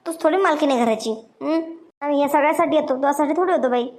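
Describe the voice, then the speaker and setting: A woman's voice: high-pitched, fast talker, a little mellow, natural voice. A woman voicing a chatty, meddling middle-aged village woman visiting neighbours in a cartoon. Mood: defensive retort. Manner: nagging, chatty, defensive. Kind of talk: cartoon voice acting.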